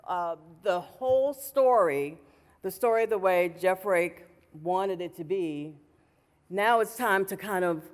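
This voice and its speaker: A woman from New York hosts a fan panel at a convention, talking in a loose, chatty way full of ums and restarts. Her voice sits at a middling pitch. A long reverb from the big hall trails each phrase. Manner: chatty and loose, with frequent fillers. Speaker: panel moderator. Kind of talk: casual panel moderation.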